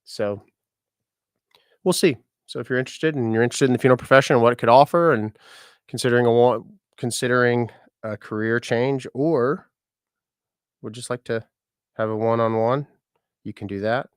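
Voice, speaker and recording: A man's voice: mid-range voice, normal speed, pauses often, smooth, no room sound, studio quality. A man chatting casually to his vlog audience, rambling and self-deprecating. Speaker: musician and content creator.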